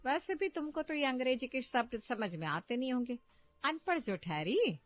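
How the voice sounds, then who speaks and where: A woman voicing a proud young wife from a village who snaps back with quick, folksy retorts, over faint music. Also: high-pitched, expressive. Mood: taunting. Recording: muffled, faint background music.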